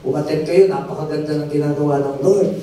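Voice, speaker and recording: This pastor's voice leans high and dark, moving at a quick pace with fairly flat intonation. He preaches through stories, builds to emphatic crescendos, and repeatedly calls out for the crowd's "amen." Heavy reverb from the hall, a distant mic, and soft noise color the recording.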